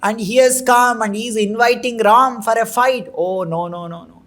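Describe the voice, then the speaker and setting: A man's voice: high-pitched, lively intonation, measured pace, a bit bright. A man voicing an anguished old king who begs and pleads for his young son. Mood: alarmed. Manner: frantic, begging, repeating words.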